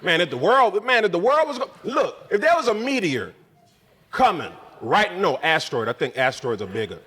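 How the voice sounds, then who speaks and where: A high-voiced man rants through a profane stand-up comedy set. He mocks locals with sudden shouted voices. Faint room ambience hums under the club mic. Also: big pitch swings, normal speed, in a large hall, slight background noise. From Spokane area resident since 2001.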